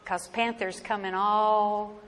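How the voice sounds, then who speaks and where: A woman with an Appalachian accent telling a family story aloud in a folksy, dramatic, deliberate way. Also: mid-range voice, level tone, a bit bright. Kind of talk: oral family storytelling, live performance. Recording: echoey hall with noticeable background noise.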